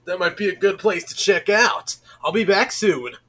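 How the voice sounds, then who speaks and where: A man's voice: high-pitched, normal speed, bright, forceful tone, voice pushed up. A man voicing an upbeat, cocky young hedgehog hero in an overacted amateur fan dub.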